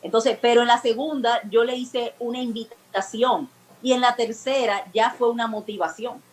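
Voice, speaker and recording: A woman's voice: a little high, steady tone, normal speed, slight background noise, poor audio. A woman giving talk-show advice on communication in a teaching manner, acting out everyday examples. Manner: didactic, explains with acted everyday examples. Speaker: guest expert on emotional communication.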